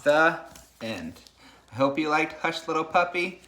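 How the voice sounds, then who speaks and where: A man with a fairly high voice speaks a little slowly, teaching young children by reading a picture book aloud. His storybook delivery is animated, and he slips into casual conversation too.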